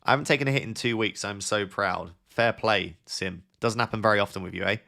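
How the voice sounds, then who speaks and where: A young man hosting a casual live stream, reading viewers' messages aloud and thinking out loud with quick, offhand advice. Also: fairly low pitch, vocal fry. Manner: thinks aloud with fillers and restarts. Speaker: live-stream host answering chat.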